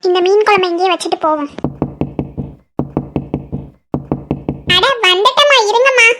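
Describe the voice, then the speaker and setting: A woman doing a squeaky fretful cartoon housewife. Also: lively intonation, fast, pushed and bright, a little hiss or hum, heavily acted. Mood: wary. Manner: high-pitched, fretful, whiny lamenting. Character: fussy, nervous middle-aged housewife. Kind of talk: cartoon voice acting.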